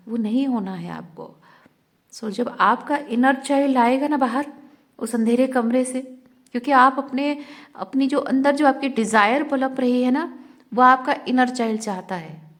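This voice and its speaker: A woman giving a slow, searching spiritual guidance talk as an intuitive reader, moving between Hindi and English. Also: a little high. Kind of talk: reflective spiritual guidance monologue.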